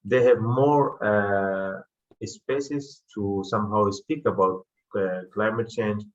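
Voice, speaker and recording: A man from Afghanistan speaking as a guest on an online panel, with many pauses and fillers, over a video call. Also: fairly low pitch, fairly even intonation, dull audio.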